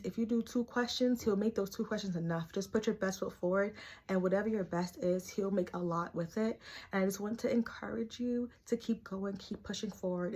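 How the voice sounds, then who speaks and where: A woman's voice: medium pitch, a little mellow, husky. A young woman talking casually and earnestly to camera, sharing a heartfelt faith testimony in a chatty way full of "like" fillers. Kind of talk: casual confessional talk to camera.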